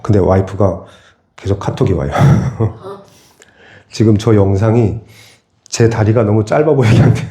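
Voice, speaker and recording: A man's voice: on the low side, a little slow, long pauses, dark tone, roomy sound. A pastor preaching a sermon in a church. He keeps asking the congregation questions and answers them himself. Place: church sanctuary.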